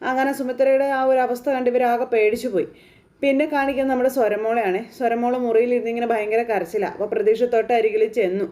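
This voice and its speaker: A woman narrating a soap episode recap at a rapid clip, her voice mellow and soft-edged. She talks in a loose, chatty way and keeps linking events with little fillers. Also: fairly high pitch, fairly even intonation. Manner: chatty, colloquial, strings events with frequent fillers. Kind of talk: casual retelling of a TV serial episode.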